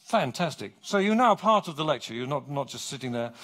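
A middle-aged man from England, giving a public lecture from his script on a theatre stage. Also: mid-range voice. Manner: animated, clear and measured.

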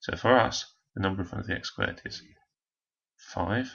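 Hoarse, gravelly-voiced man teaching maths. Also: low-pitched, wildly swooping pitch, moderate pace, a bit bright, highs cut off. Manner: step-by-step explaining, talking while working a calculator. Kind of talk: recorded maths lesson walkthrough.

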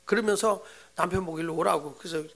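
Animated male pastor preaching a sermon. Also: high voice, brisk. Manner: animated storytelling with humorous anecdotes; direct, conversational address to the congregation.

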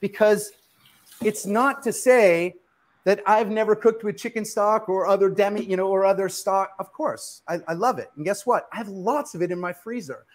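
A man's voice: high-pitched, moderate pace. A middle-aged male chef giving a live cooking demonstration in a home kitchen studio, talking emphatically and answering his own questions.

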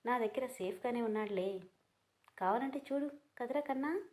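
A woman's voice: a little high, normal speed, darkish tone, pitched above the performer's own voice, lightly acted. Lady voicing a smug cruel guy taunting a mom, sneery, audio story. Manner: mocking, sneering. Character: cruel taunting male kidnapper.

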